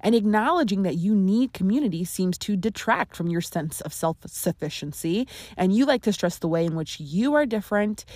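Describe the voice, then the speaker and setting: Low-voiced woman hosting a podcast. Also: darkish tone, dry recording, studio quality. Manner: earnest, conversational, with playful emphasis. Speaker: podcast host. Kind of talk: solo podcast talk.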